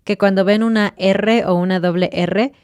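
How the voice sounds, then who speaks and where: A woman co-hosts a podcast in a relaxed teaching chat. Her voice is smooth and clear, recorded dry and close with no room sound. She explains patiently and sounds out example words. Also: medium pitch, moderate pace, dry recording. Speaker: podcast co-host.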